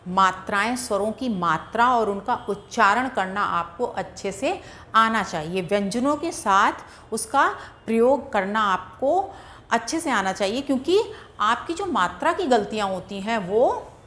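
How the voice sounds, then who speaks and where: A woman teaching grammar in a patient, deliberate way, sounding out syllables one by one. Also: medium pitch, fairly bright tone. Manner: patient, repeats syllables slowly and drawn out for pronunciation. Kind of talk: slow, deliberate classroom explanation.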